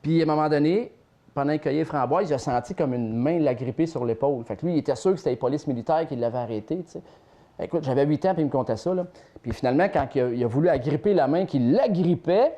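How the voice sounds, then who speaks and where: A man from Quebec's Mauricie region with a Québécois accent, telling family legends in a lively, playful way as an interview guest. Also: fairly high pitch, fast. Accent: Québécois French. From Saint-Tite, Mauricie, Quebec. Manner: lively, anecdotal, playful storyteller. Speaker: storyteller guest. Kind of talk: casual interview storytelling.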